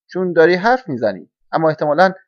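A cheerful little grasshopper reasons things out in a bright, matter-of-fact voice that sits a little high, as a man reads him. The sound is dry and dull, like a home storybook recording. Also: big pitch swings, no room sound. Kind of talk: storybook reading.

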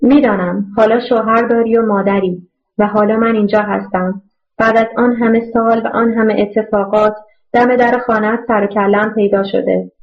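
A woman voicing a tender, regretful man who has come back after many years, speaking in a low earnest voice. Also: fairly even intonation, natural voice. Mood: pleading. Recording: muffled lo-fi audio.

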